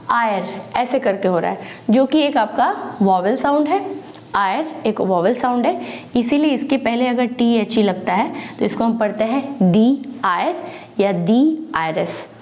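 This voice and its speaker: A woman gives a whiteboard lesson in a somewhat high, mellow voice. She speaks slowly, spelling out examples one by one, with filler sounds and small restarts. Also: highs cut off. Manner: slow, spelling out words and examples; fillers and self-corrections. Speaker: English teacher.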